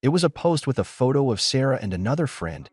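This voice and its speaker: A man's voice: medium pitch, big pitch swings, fast, darkish tone, husky, no room sound. A man reading a dramatic first-person story aloud as a scripted narration.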